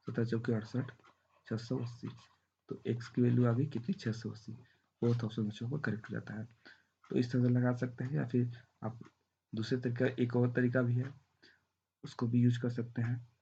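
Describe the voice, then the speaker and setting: A man's voice: medium pitch, vocal fry, dark tone, highs cut off, a little hiss or hum. A man teaching a math lesson with a sore throat, walking through the arithmetic step by step and checking in often. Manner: walks through arithmetic step by step, often saying "thik hai".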